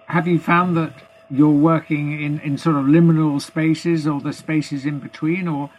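A man's voice: a little high, flat delivery, unhurried, rough recording. A British man interviewing a guest, asking long questions with many ums and repeated words.

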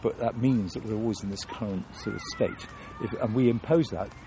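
A man's voice: lowish voice, brisk, background noise. A man from London, a guest in an interview, talking thoughtfully with many restarts and fillers.

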